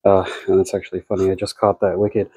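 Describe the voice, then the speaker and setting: American guy doing a casual product demo, lowish raspy voice, low-key, kinda thinking out loud while he works. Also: completely flat delivery, fast talker, no room sound. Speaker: car care product reviewer. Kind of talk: casual unscripted product demonstration.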